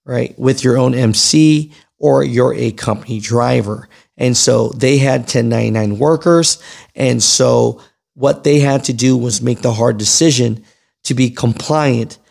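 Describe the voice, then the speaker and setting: A man in his thirties hosts an informal trucking news report from a small furnished room at home, his medium-pitched voice darkish with vocal fry. Reading and commenting into a close boom-arm broadcast mic, he's conversational and emphatic, often tagging points with "right" and "you know."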